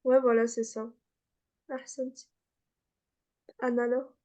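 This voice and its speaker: A woman's voice: on the high side, flat delivery, slow, warm tone. A woman teaching a beginner class, patiently repeating and demonstrating letter sounds. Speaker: Arabic teacher.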